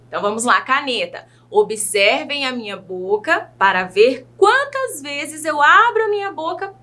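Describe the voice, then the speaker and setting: A woman teacher with a Brazilian Portuguese accent, giving a patient children's video lesson and sounding out words slowly, syllable by syllable. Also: high voice, pushed and bright. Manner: slow, careful syllable-by-syllable enunciation; patient, addresses young pupils directly.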